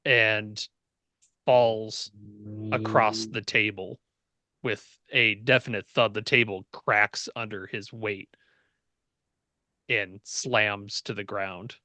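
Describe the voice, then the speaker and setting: A man's voice: fairly low pitch, fairly even intonation, slow pace, long pauses, sharp tone, dry recording. A man narrating a tabletop fantasy game as game master, describing the scene in short phrases.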